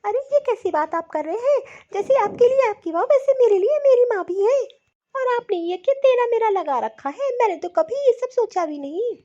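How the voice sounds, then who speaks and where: A woman's voice: extremely high pitch, expressive, normal speed, mellow. A woman voicing an earnest, dutiful young daughter-in-law in a cartoon story. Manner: earnest, eager to please. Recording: dull lo-fi audio.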